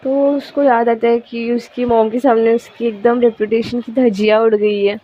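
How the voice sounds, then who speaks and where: A woman's voice: fairly high pitch, little pitch movement, moderate pace. A woman narrating a romance story in a casual, chatty way, acting out the characters' lines. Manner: retells scenes in a chatty way, acting out quoted lines. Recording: dull lo-fi recording.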